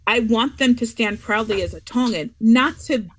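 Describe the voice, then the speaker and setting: An American woman, a guest in a casual interview, speaks earnestly and emphatically about her children and her values, speeding up and slowing down to stress her points. Her voice is on the high side, with no room sound.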